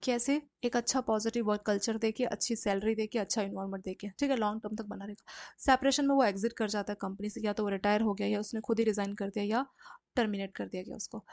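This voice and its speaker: A woman's voice: medium pitch, fairly even intonation, quick pace, a little mellow, dry recording. A young woman tutoring for a banking exam, explaining HR and banking ideas in a conversational lecture and often checking in with her listeners. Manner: conversational, frequent filler checks.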